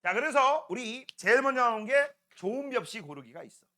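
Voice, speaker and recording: A middle-aged male science teacher lectures with a high, bright voice that climbs and dips all the time. He talks in a chatty way and throws out quick questions that he answers himself. Now and then he acts out playful voices in his jokes. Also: animated. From Korea. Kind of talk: classroom lecture.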